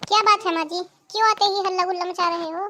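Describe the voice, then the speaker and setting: A woman's voice: extremely high pitch, a little fast, fairly bright tone, a little hiss or hum. A woman voicing a cold, sarcastic younger daughter-in-law in a cartoon. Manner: sarcastic, snappish.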